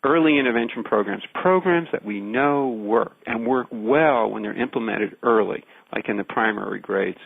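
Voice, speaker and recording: Male scientist interviewee, creaky and raspy, emphatic explainer, heard over a thin telephone-style radio line. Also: mid-range voice, dry recording. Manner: deliberate, emphatic, builds points in repeated phrases. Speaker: research scientist, interview guest. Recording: narrow phone-like radio line.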